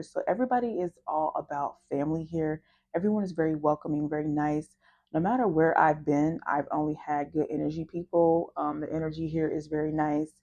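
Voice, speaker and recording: Low, mellow-voiced woman vlogger. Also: muffled recording. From United States. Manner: chatty, lively storytelling with acted-out quotes. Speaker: travel vlogger. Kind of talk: casual chat to camera.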